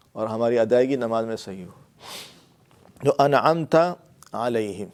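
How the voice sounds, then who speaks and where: This Urdu-speaking male teacher of Quranic and Arabic grammar has a medium-pitched, darkish voice and a Pakistani Urdu accent. Delivering a classroom lecture, he explains things patiently, repeating words and leaning on fillers.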